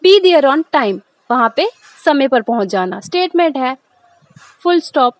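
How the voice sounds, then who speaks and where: A woman teacher, her voice set high. She works through exercises, reading each line out slowly and then explaining it in Hindi. The recording is dry and close. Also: very animated, dry recording. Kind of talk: explaining a school lesson.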